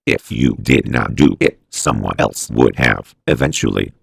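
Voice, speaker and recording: A man voicing a calm, reasoning male robot, his voice turned into a very deep, gravelly robot voice that is hard to understand. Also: a little slow, dry recording, clean studio sound, full character voice. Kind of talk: played from a watched video.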